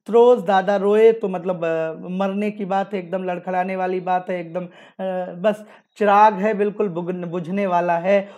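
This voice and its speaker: A man's voice: high-pitched, a little mellow. A man teaching English vocabulary, explaining words through memory tricks and repeatedly asking and answering his own questions. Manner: repetitive, drilling phrases over and over. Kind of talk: explaining newspaper vocabulary with mnemonics.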